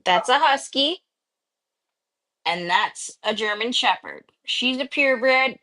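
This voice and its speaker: A woman's voice: on the high side, animated, slow pace, sharp tone, poor audio. A woman in her thirties hosting a live stream, chatting casually and joking around. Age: 30s. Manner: teasing, jokey. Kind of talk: casual chat.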